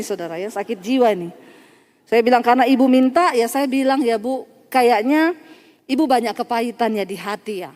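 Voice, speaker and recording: Animated woman preacher in a reverberant hall. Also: high voice. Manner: animated storytelling with acted quotes and laughter. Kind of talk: sermon.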